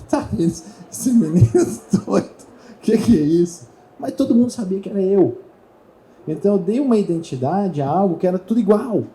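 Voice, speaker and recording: A man's voice: fairly high pitch, low-quality recording. A middle-aged man tells a story to an audience at a trade fair, acting out the voices of the people in it. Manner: animated storyteller who acts out voices in dialogue. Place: talk stage at a trade fair.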